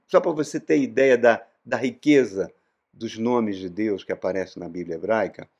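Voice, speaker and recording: Male preacher with a mid-pitched voice, teaching from scripture and dramatizing quotes. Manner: storytelling, acts out quoted voices, emphatic swings in loudness. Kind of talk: sermon teaching.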